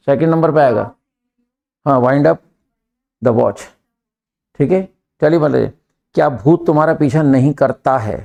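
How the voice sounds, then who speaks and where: A man with an Indian accent teaching a live English class, drilling students and pushing them to answer quickly. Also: fairly high pitch, gravelly, mellow, muffled recording.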